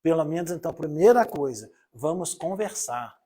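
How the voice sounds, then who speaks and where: Older man, pastor leading a Bible study, husky and a little high, chatty sermon delivery that keeps checking in with the room. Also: expressive, moderate pace, mellow. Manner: conversational, addresses the congregation directly with rhetorical questions. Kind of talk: informal live sermon.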